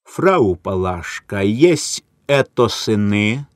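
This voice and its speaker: A man's voice: fairly low pitch, very animated, slow pace, no room sound, clean studio sound. A man reading a story, voicing a cruel occupying officer who speaks in curt, mocking orders. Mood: cold.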